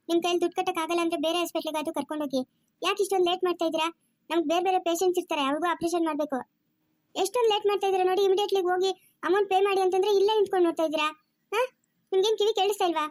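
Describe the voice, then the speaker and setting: A woman's voice: very high voice, fairly even intonation, rapid-fire, dry recording. A woman playing a stern, scolding hospital nurse. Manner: scolding, sharp questions.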